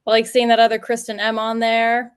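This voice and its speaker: A woman's voice: on the high side, monotone, fairly quick, clean tone. A woman hosting a business webinar over a video call, upbeat and chatty. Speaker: webinar host. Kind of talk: casual webinar chat.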